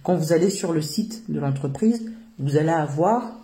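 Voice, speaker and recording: Hesitant woman speaking in a mellow voice. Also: low-pitched, animated, normal speed. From France. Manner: hesitant, many filler sounds, earnest. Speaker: founder of a social work business. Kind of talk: interview answers.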